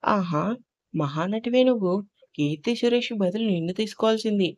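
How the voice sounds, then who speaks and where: Woman reading as a gentle, advising mother. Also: mid-range voice, animated, normal speed, dry recording, studio quality, lightly acted. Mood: teasing. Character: caring middle-aged mother giving advice.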